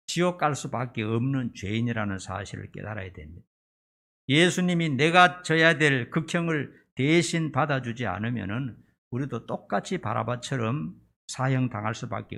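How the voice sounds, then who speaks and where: Gravelly, animated male preacher. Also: mid-range voice. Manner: dramatic storytelling, acting out scenes. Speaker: pastor. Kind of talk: sermon.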